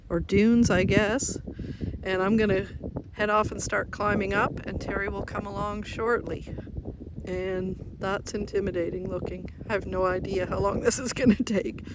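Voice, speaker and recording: A woman's voice: mid-range voice, steady tone, measured pace. A woman giving breathless running commentary to her camera while climbing a big sand dune outdoors. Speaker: travel vlogger. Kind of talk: casual vlog narration to camera. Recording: strong wind noise outdoors. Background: wind noise.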